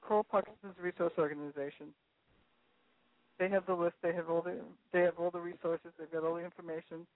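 A woman's voice: on the low side, level tone, a little fast, dry recording. A woman in her fifties on the phone, eager and repeating herself for emphasis. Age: 50s. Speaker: guest caller. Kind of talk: casual phone chat. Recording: dry phone line.

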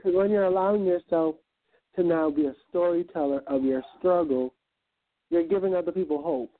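His voice is a little high with fairly even intonation and normal speed, carried over a tinny phone line. He's a Guyanese guest on an internet radio interview, an entrepreneur and event planner giving earnest, reflective motivational talk with many ums and uhs.

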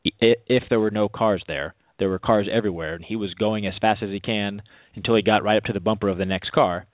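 Deep-voiced man, narrow phone-line sound. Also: fast talker, dry recording. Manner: animated storyteller, voice jumps up in quotes. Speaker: radio show co-host. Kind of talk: casual chat.

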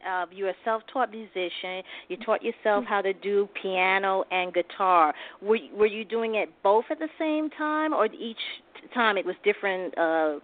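Effusive woman host on a tinny line. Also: medium pitch. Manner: effusive, halting with fillers. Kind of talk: radio interview.

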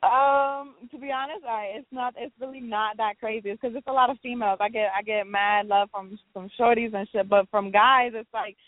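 A woman's voice: fairly high pitch, fairly even intonation, normal speed, few pauses, no echo. A young woman in her twenties with a New Jersey accent, talking bluntly and casually as an interview guest, full of slang and swearing. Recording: tinny phone-like line, dry.

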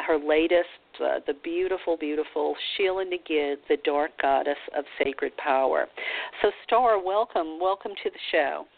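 A woman hosting a talk show who introduces her guest warmly, with many filler words. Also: deep voice. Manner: warm and gushing, heavy on filler words. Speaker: radio show host. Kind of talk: interview introduction. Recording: tinny phone-line sound.

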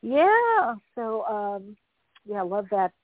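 A spiritual talk show host chats in a loose, rambling manner during a casual live interview, talking to her audience informally. Her mid-range voice is very animated, and she draws out her words. The recording is dry, with a thin, phone-like quality.

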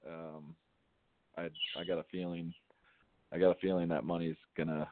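A man's voice: low voice, little pitch movement, normal speed, noisy background. A man calling in to a radio show over the phone, chatting casually and agreeably about sports. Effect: heard over a phone line. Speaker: radio call-in caller. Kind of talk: casual sports fan chat. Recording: tinny dry phone line.

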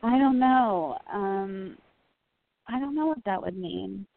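A woman's voice: mid-range voice, slow pace, vocal fry, narrow, tinny audio, background noise. A middle-aged woman calling in for guidance, talking casually and a little unsurely. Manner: hesitant, unsure. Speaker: caller seeking guidance. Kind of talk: casual call-in conversation.

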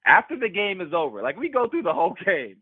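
A man, a former college basketball player and podcast guest, telling a personal story in an animated way and repeating words for emphasis. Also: high-pitched, fast, husky, no room sound. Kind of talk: candid storytelling in a podcast interview. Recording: tinny remote call line, dry.

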